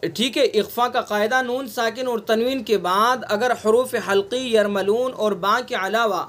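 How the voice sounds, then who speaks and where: Slow, high-voiced Delhi Urdu teacher. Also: male voice, fairly even intonation, a bit bright. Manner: patient, repeats examples slowly and stretches nasal sounds. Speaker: Quran recitation teacher. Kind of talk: online tajweed lesson. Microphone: online class recording.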